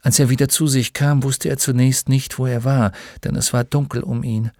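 A male audiobook narrator tells the story in a measured, vivid way, his mid-pitched voice carrying a gravelly texture. The sound is dry and close, with no room around it. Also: fairly even intonation, mellow, no echo.

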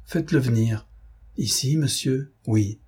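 A man's voice: mid-range voice, a little slow, warm tone, husky. A man voicing a stern, wrathful master of the house who gives curt commands in an audiobook reading. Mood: commanding.

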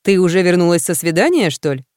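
A woman voicing a blunt young woman best friend who talks briskly and teases in a no-nonsense way, in an audiobook. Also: fairly low pitch, big pitch swings, darkish tone, dry recording, clean studio sound.

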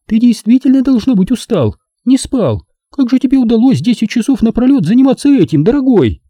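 A man reading an audiobook and voicing a jealous, sharp-tongued young woman who talks in a shrill, sarcastic, accusing way. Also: very animated, brisk, breathy edge, dry recording, clean studio sound, heavily acted. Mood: indignant.

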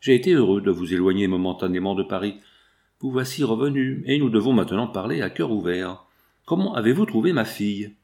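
A man voicing an anguished wealthy industrialist pleading for his sick daughter, with a low voice. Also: expressive, fairly quick, darkish tone. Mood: earnest. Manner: pleading, then harsh and insistent.

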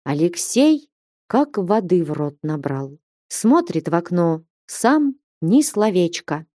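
A woman narrating a classic novel in an even storytelling voice. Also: fairly low pitch, slow, no room sound, clean studio sound. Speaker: audiobook narrator.

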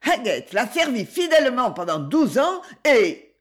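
A woman voicing a surly, quick-tempered working-class wife who answers back sharply. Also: very animated. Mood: defiant. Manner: sharp, shrill retorts.

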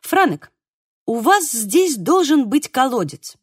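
A woman's voice: high-pitched, big pitch swings, slow pace, slightly rough, dry recording, studio quality, full character voice. A woman reading the part of a stubborn older woman in an audiobook, speaking insistently and emphatically.

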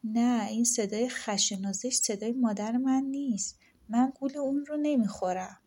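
A woman's voice: on the high side, mellow, natural voice. Fairy-tale hero: a clever, brave young man, voiced by a woman reader, firm and sly. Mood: defiant. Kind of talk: audiobook storytelling.

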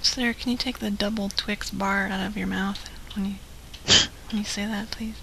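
A woman's voice: mid-range voice, steady tone, moderate pace, gravelly, fairly bright tone, slight background noise, poor audio. A woman co-hosting a live prank call stream with dry, teasing remarks. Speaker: co-host.

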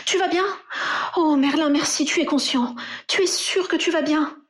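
A woman's voice: mid-range voice, fairly quick, lightly acted. A woman voicing a headstrong young woman, anxious and pleading. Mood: worried.

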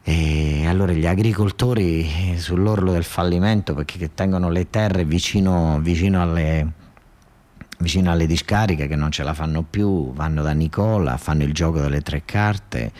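In a deep, slightly mellow voice at a moderate pace, a man with a southern Italian accent delivers a colloquial, satirical storytelling monologue. It's earthy and sardonic, full of emphatic repetition and asides to his listeners.

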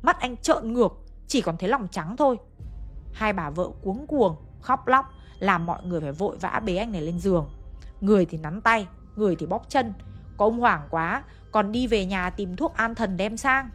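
A woman's voice: medium pitch, animated, moderate pace, a bit bright, soft background music. A woman telling a ghost story in a chatty, conversational way, with emphatic asides. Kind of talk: casual spoken storytelling.

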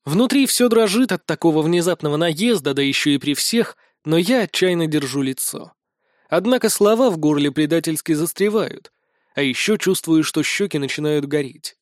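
A man's voice: a little high, expressive, normal speed, no echo, studio quality. A man reading first-person fantasy narration for an audiobook, in a wry, colloquial way with mild swearing.

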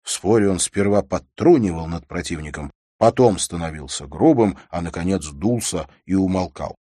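Male narrator, low and husky, lively intonation, dry close sound. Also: moderate pace, no echo. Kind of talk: audiobook narration.

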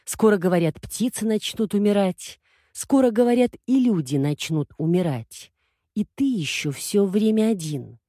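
Picture a chattering, worried older mother who rambles from one complaint to the next, nagging her grown son, as a woman reader voices her. Her husky voice lifts a little higher and swings up and down a lot as she talks, and the recording is dry and close. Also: animated, normal speed, mellow, no echo, lightly acted. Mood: anxious.

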